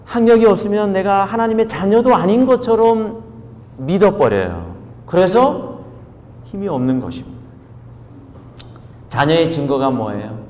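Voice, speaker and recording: A male pastor preaching a revival sermon, animated and constantly asking the congregation questions. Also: sits high, unhurried, pauses often. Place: church revival tent meeting. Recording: echoey hall with faint ambience.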